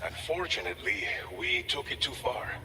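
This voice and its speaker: Male game briefer: earnest, formal, very bright voice, distant with faint noise. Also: medium pitch, very animated, normal speed, in a large hall, faint music behind. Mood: earnest, concerned. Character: earnest, grateful male outpost staffer briefing a courier. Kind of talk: scripted video game dialogue.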